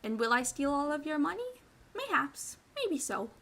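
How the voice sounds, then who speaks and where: A young woman chats quietly and playfully as an ASMR streamer. Her voice sits high and bright, with a gravelly fry at the ends of phrases. She rambles and now and then slips into a soft whisper. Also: big pitch swings, moderate pace. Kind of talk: quiet casual ASMR chat.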